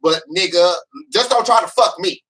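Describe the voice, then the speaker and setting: A man's voice: high-pitched, moderate pace, fairly bright tone. A man in his forties, a guest comedian telling stories in casual, profane podcast chat. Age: 40s. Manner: brash, profane storytelling.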